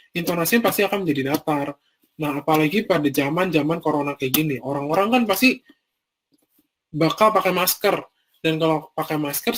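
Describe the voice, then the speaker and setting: Casual young man leading a training talk. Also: a little high. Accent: Indonesian, Bandung. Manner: casual, explains step by step with many fillers. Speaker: youth trainer.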